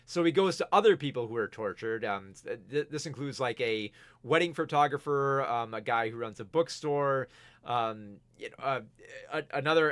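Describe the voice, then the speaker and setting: A man hosts a casual film review video, reading viewer comments and rambling with many restarts as he loses his voice. His voice is mid-range, bright and forceful, with no room sound.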